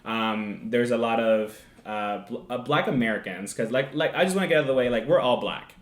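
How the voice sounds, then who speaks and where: A man's voice: medium pitch, fairly quick. Young Dominican man, casual podcast co-host, filler-heavy, echoey room. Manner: relaxed, thinks aloud with many fillers and laughs. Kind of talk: casual chat.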